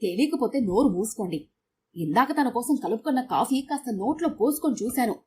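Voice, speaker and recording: A woman voicing a sharp-tongued middle-aged housewife who scolds curtly. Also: on the high side, lively intonation, moderate pace, a little hiss or hum, close to an everyday voice. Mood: scolding. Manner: scolding, curt.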